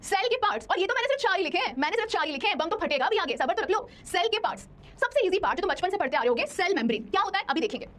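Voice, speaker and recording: Very fast high-voiced woman teacher. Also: very animated, fairly bright tone. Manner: chatty, playful, talks straight to students with many checking questions. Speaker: science teacher. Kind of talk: online class lecture. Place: studio.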